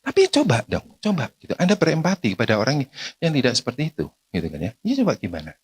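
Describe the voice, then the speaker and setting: A man's voice: mid-range voice, huge pitch swings, quick pace, breathy edge. A man giving a casual seminar talk to parents, conversational, forever tossing tag questions at the audience. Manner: acts out short everyday dialogues.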